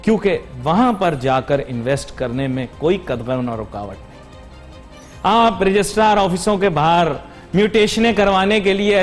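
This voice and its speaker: A man with a Pakistani Urdu accent hosting a business TV show, mocking and sarcastic in a monologue before interviewing a guest over a studio mic. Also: high-pitched. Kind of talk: satirical monologue then interviewing.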